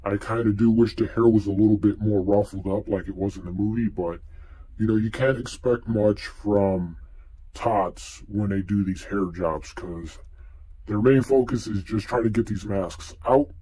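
A young man reviewing a mask in a casual vlog, talking through a face mask, relaxed and rambling with lots of fillers. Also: lowish voice, normal speed, husky, poor audio.

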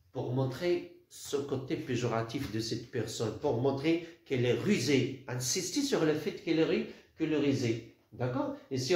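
Halting male teacher in an echoey room. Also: mid-range voice, a little mellow. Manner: halting, repeats words and restarts, counts syllables aloud. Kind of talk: literature lesson.

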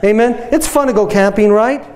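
Fifties guy preaching, playful, fairly high voice, headset mic in church. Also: moderate pace. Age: 50s. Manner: animated, playful, asks the congregation questions. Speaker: pastor. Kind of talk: sermon with a tent prop. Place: church stage.

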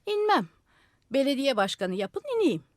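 Woman voicing a loud, defiant male madman for a storybook; high and jumpy, dry studio sound. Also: big pitch swings, moderate pace, dry recording. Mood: defiant shouting. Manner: loud, shouting demands. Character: stubborn madman on a rooftop, gleeful and defiant. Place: radio studio.

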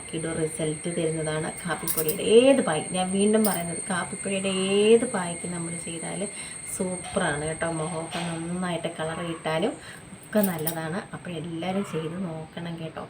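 A woman beauty vlogger talks casually at home through a skincare tutorial, her fairly low voice set against a noisy background. She's chatty and repetitive, constantly checking in with viewers and often tacking on tag questions.

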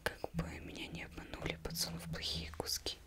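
A young woman reading a novel aloud as ASMR in a breathy, unvoiced whisper, very close, as if right in the listener's ear. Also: fairly quick. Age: young adult. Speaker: ASMR reader. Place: indoors, plain studio backdrop. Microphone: close microphone.

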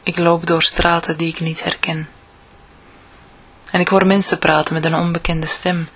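A woman with a Flemish accent reading her own poetic picture book for adults, slowly and intimately, often half-whispering. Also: on the low side, flat delivery, fairly bright tone, breathy edge. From Belgium.

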